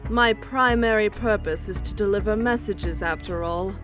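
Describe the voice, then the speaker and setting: A woman playing a sly, detached programmed messenger with a measured, matter-of-fact manner in a comic dub. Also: medium pitch, natural voice. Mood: cool, defensive. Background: music.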